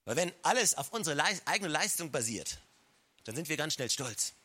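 A man preaching a sermon at a church service, speaking directly to his listeners and repeating lines for emphasis, sometimes dropping his voice low and soft to stress a point. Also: big pitch swings, normal speed. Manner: drops to a low soft voice to stress key words. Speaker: pastor. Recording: live church recording.

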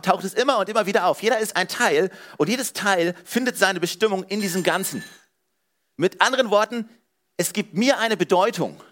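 A pastor preaches a sermon, speaking earnestly and directly to his congregation with repeated "hey" and "ja." His voice sits high and is a bit bright.

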